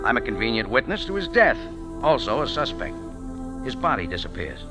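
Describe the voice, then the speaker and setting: In a vintage 1940s radio drama with music behind him, a man plays a tough, wisecracking American adventurer who narrates as a first-person detective. His medium-pitched, natural voice is brisk and animated, moving freely between dry slang and punchy insistence in a wry, hard-boiled style.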